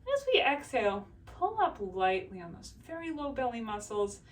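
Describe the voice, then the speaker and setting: A woman voice teacher calmly guiding a breathing exercise and body scan, in slow, soothing instructions. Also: fairly high pitch, recorded from a distance, slight background noise.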